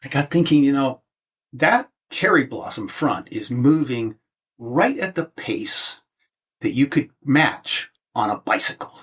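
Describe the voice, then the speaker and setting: In a relaxed interview, a US man in his seventies talks as the guest, stumbling through fillers and frequent restarts. He has a husky, mid-range voice that is animated yet unhurried.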